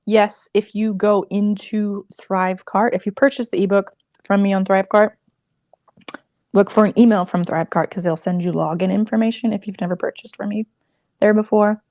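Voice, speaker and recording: A woman's voice: medium pitch, fairly even intonation, moderate pace, a little mellow, no room sound, muffled recording. A woman crochet designer chatting casually on a livestream, rambling and emotional with many fillers.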